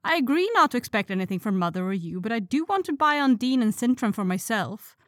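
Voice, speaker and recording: A woman's voice: a little high, big pitch swings, quick pace, dry recording, studio quality. A woman doing blunt tomboy teen Jo. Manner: grumbling, outspoken. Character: bookish tomboyish teenage girl, blunt.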